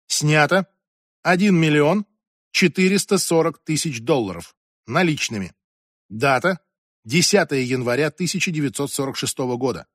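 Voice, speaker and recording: A woman's voice: low voice, no room sound, clean studio sound. A man reading an audiobook and voicing a strict, imperious ex-senator in her eighties who talks in a commanding, impatient way. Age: 80s. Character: strict imperious old woman, former senator.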